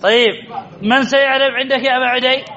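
A man's voice: very high voice, fairly even intonation, fast talker, pushed and bright. A man teaching a grammar lesson to a class, drilling points over and over and calling on students by name with teasing remarks. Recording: dull lo-fi recording.

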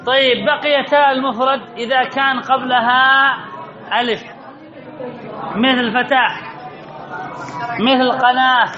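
A man's voice: very high voice, fairly even intonation, a little slow, long pauses, crowd noise. A man teaching a grammar lesson, repeating rules and quizzing his listeners with questions. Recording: dull lo-fi recording with audience murmur.

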